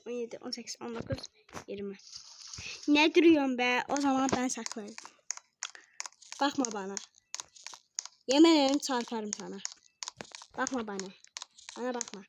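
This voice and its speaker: A woman hosting a gaming video, chatting playfully and excitedly with sudden shouts and quiet counting. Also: a little high, slight background noise. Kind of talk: excitable casual gameplay commentary.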